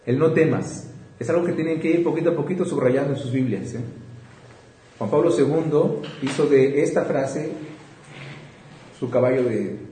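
A man teaching a Bible class, reading scripture passages slowly and asking his students questions. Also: fairly high pitch, warm tone, roomy sound, a little hiss or hum, low-quality recording.

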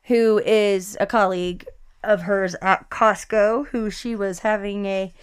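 A young woman with a mid-range, steady, clear, resonant voice co-hosts a casual podcast, reading an article aloud without hurrying. She laughs often, swears, and stumbles over words as she reads.

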